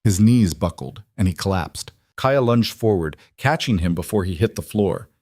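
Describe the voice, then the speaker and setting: Low-voiced male fantasy narrator. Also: animated, a little mellow, no echo, clean studio sound. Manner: dramatic, measured storytelling. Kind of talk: scripted audiobook narration.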